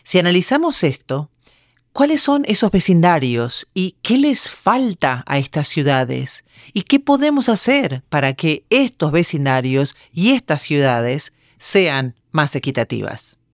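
A woman host reading a formal podcast introduction and questions in a measured voice-over. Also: deep voice, sing-song, no room sound, studio quality. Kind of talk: scripted Spanish voice-over of host.

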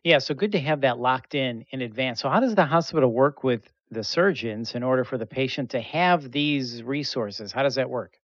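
A man's voice: mid-range voice, expressive, normal speed, hardly any pauses, no echo, muffled recording. A man hosting a podcast interview, upbeat and summing up his guest's answers. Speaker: podcast host.

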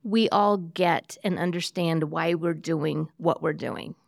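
A woman's voice: deep voice, takes it slowly, creaky, no room sound, clean studio sound. A woman hosting a workplace podcast in a friendly, chatty way, with a Midwestern American accent. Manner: friendly, chatty, laughs easily. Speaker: podcast host. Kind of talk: casual interview chat.

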